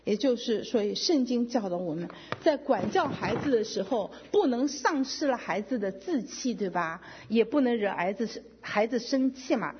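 Middle-aged woman, testimony speaker; husky, animated delivery, long hall echo. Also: a little high, normal speed, hardly any pauses. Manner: emotional, animated storytelling with quoted dialogue. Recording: dull lo-fi sound with long hall reverb.

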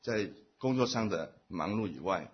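Man, husky and low, church testimony in short pauseful phrases, muffled lo-fi recording. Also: expressive. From Taiwan. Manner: speaks in short phrases, pausing for an interpreter. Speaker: church member giving testimony. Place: church meeting.

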